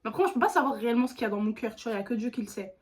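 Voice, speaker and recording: This woman YouTuber races through a casual storytime vlog, her voice on the high side with lively intonation. She addresses her viewers straight to camera, chatty and slangy.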